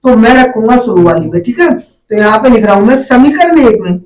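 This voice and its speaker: A man's voice: very high-pitched, animated, fairly quick, a little mellow. A male math teacher giving a classroom lesson, asking the students questions and calling them "beta". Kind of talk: classroom lesson, call-and-response. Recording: echoey room, distant mic.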